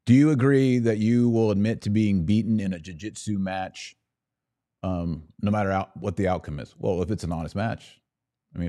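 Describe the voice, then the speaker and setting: A podcast host offers casual, opinionated political commentary in a conversational way, slipping into some mocking mimicry. He speaks with a fairly low, mellow voice.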